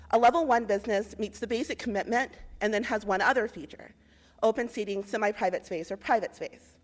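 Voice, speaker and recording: A young woman from Indiana giving a rehearsed policy pitch, with measured, persuasive delivery of facts and figures. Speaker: presenter in a policy pitch competition.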